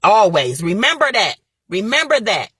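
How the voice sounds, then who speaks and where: Her mid-range voice has a sing-song lilt, a fairly bright tone, and a breathy edge, moving at a moderate pace in clean, echo-free studio sound. The young woman is a motivational vlogger giving a heartfelt, preachy talk directly to viewers, repeating herself for emphasis.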